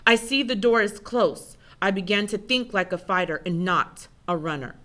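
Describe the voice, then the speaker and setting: A woman giving an intense, measured first-person spoken word performance. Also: medium pitch, a bit bright.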